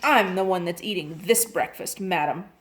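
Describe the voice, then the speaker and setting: A woman's voice: lowish voice, moderate pace, a little hiss or hum, lightly acted, rough recording. A woman doing a sassy, impudent little girl. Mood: defiant. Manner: pouty, answering back.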